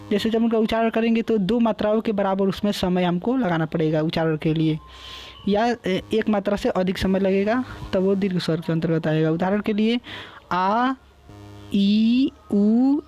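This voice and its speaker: A man's voice: high voice, darkish tone. A young man teaching a lecture, explaining patiently, repeating terms and drawing out vowel sounds as examples. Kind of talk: classroom lecture.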